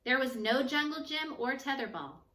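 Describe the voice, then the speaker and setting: In an echoey room, a woman with a high-sitting voice reads a children's picture book aloud. Her storytelling is expressive and measured, and her phrases trail off more softly.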